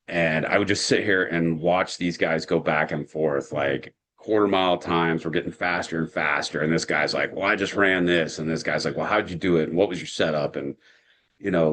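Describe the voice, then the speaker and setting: A man's voice: sits low, a little hiss or hum. A man in his forties from Montana, telling stories in an interview in a blunt, frank way with some mild swearing. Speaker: guest. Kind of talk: casual interview storytelling.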